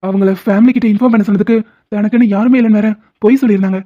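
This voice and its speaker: A woman voicing a calm, level-headed young man in a dubbed cartoon drama, speaking in a steady, firm way. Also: medium pitch, very fast, close to an everyday voice. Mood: explaining. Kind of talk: Tamil cartoon dubbing. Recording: dull lo-fi recording.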